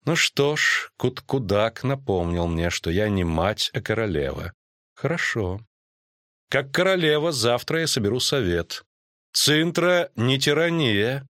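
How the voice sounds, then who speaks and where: A man reading an audiobook voices a proud, commanding queen with a measured, imperious delivery. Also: mid-range voice, very animated, a bit bright, no room sound, clean studio sound. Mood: stern, imperious. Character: proud stern queen, middle-aged woman, commanding.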